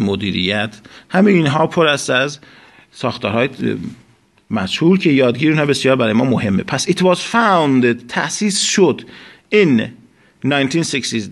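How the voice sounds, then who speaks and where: A male teacher who reads English sentences slowly and word by word before explaining them. He uses a measured, patient classroom delivery. His voice sits in an ordinary middle pitch. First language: Persian. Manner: slow, deliberate reading of English phrases, then explains in Persian. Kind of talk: recorded class lesson.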